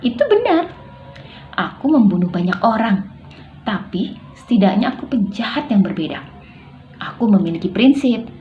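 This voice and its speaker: A woman's voice: mid-range voice, big pitch swings, normal speed, long pauses, roomy sound, muffled recording, soft background music, close to an everyday voice. A woman reading aloud as an older male hitman, clipped and commanding. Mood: proud.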